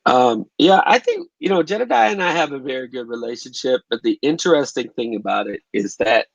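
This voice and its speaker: Gravelly man, lo-fi call audio. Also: mid-range voice, expressive, brisk, dry recording. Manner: thoughtful, restarts phrases while recalling events. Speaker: documentary filmmaker and photographer. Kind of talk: conversational interview answers.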